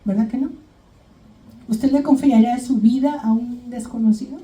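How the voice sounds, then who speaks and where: A woman's voice: on the high side, moderate pace, mellow. A woman preaching a sermon to her congregation, retelling Bible stories and often checking in with her listeners as she goes. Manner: addresses congregation as brothers and sisters. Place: church. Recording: echoey church hall, mic at a distance.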